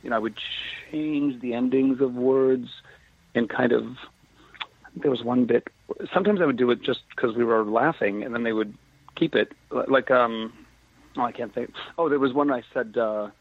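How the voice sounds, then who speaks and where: A man's voice: mid-range voice, fairly quick, vocal fry, husky, no room sound. Man talking over a tinny phone line. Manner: animated, laughing, full of asides and quoted exchanges. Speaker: actor guest. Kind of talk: casual interview conversation. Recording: tinny phone-line remote audio, dry.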